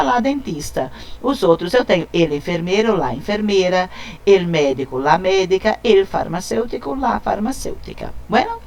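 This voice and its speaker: Brazilian woman teaching a Spanish lesson. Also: lowish voice. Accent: Brazilian Portuguese. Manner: switches between Spanish and Portuguese, explains slowly, checks in with "tá?". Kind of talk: recorded video lesson for schoolchildren.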